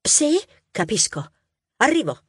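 A woman's voice: fairly high pitch, big pitch swings, takes it slowly, husky, full character voice. A woman playing a friendly police inspector mouse. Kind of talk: audiobook character acting.

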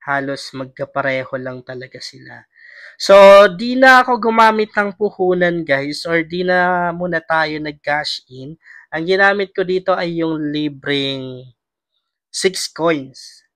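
A man's voice: fairly high pitch, a little slow, bright, forceful tone, no echo. A young Filipino man hosting a casual gaming vlog, his voice strained by a cough. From Philippines. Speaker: vlogger and host.

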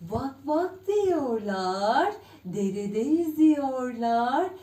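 Preschool teacher lady, high and slow, sing-song storytime voice, echoey room. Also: distant mic. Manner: sing-song, animated, addressing children. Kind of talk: storytelling for small children. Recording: roomy echo.

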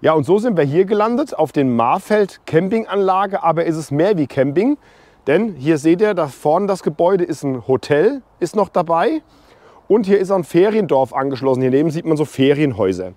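Male camping vlogger, 40s, slightly high voice, dry close mic, chatty outdoor walk-and-talk. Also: animated, fairly quick, a little mellow, no room sound. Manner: chatty, opinionated, addresses viewers directly. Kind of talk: casual walk-and-talk review. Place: outdoors on a campground. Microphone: small clip mic on hoodie, camera held at arm's length.

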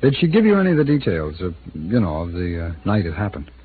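In a 1950s radio drama, a thirties-aged actor plays an easygoing, slightly evasive city attorney. His low voice swings hugely in pitch at a quick pace. The old broadcast sounds tinny and hissy.

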